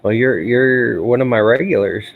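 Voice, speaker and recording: Through narrow, tinny audio comes a tired, yawning livestream host with a medium-pitched voice, vocal fry, and a normal speaking speed. Relaxed and rambling, he chats loosely with a regular viewer and sighs often between thoughts.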